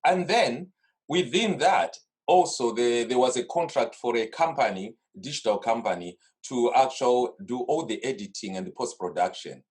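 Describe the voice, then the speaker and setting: At normal speed and with an expressive, husky voice of medium pitch, a middle-aged Zimbabwean-accented man talks casually and at length. He is a carnival organiser interviewed as a guest over video call from his home studio desk, rambling through stories and restarting often.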